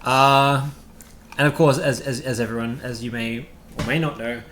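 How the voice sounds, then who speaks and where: A man giving informal, unscripted commentary in a halting, hesitant way, recorded on a cheap old webcam microphone. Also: mid-range voice, fairly even intonation, fairly bright tone. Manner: halting, hesitant delivery with repeated words. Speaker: video host and poll commentator. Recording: cheap old webcam mic, echoey, faint noise.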